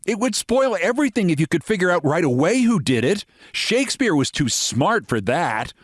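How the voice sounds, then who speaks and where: A man's voice: sits high, sing-song, moderate pace, no echo, clean studio sound, pitched above the performer's own voice. A man reading a humorous short story, voicing a chatty, emphatic, opinionated woman. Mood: knowing, confident. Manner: emphatic, gossipy, matter-of-fact certainty. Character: opinionated, chatty American woman, avid detective-story fan.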